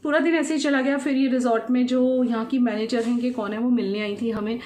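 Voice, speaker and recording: A woman's voice: on the high side, steady tone, brisk, a little mellow. A woman in her thirties chatting casually to the camera as a daily vlogger, mixing English words into her Hindi. She speaks into a handheld phone, first indoors at a resort and then outdoors on a scooter ride. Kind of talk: casual vlog narration to camera.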